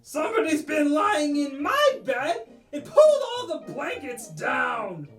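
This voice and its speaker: A woman voicing a big, indignant father bear in a puppet storytime, grumbling loudly in complaint. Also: sits high, big pitch swings, slow, reverberant, distant mic, soft background music, voice pushed up, exaggerated voice.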